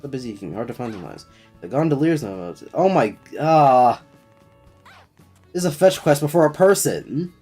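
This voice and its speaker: A man's voice: mid-range voice, very animated, normal speed, warm tone, husky, faint music behind. A young man giving casual, sweary game commentary in a sardonic, griping manner. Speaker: gaming streamer.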